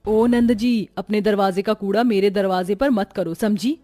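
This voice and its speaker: A woman's voice: moderate pace, warm tone, close to an everyday voice. A woman voicing a fed-up young housewife in a cartoon, grumbling and exasperated. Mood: annoyed. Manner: grumbling and exasperated, pitched lower. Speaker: daughter-in-law character. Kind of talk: cartoon voice acting.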